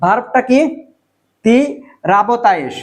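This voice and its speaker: A man gives a casual video lesson, repeating words slowly and asking and answering his own questions. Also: sits high. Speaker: language teacher.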